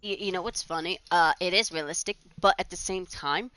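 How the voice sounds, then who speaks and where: A woman's voice: fairly low pitch, fairly quick, pushed and bright, rough recording. A woman, rambling chattily over gameplay with restarts and giggles. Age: 20s. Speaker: gaming channel host. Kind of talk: casual gameplay commentary.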